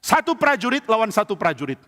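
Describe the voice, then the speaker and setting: A man's voice: high-pitched, big pitch swings, quick pace, sharp tone, in a large hall, pitched above the performer's own voice, heavily acted. Man doing a scheming, eager king.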